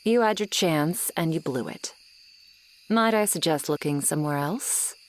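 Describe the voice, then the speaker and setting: A woman performs an ASMR roleplay addressed to the listener, playing an ageless tsundere swamp monster girl who is aloof and grudgingly kind. Her voice is low and slow, sardonic and haughty yet softening, with a teasing, aloof mood. A night swamp ambience of crickets and insects plays behind her, with slight background noise.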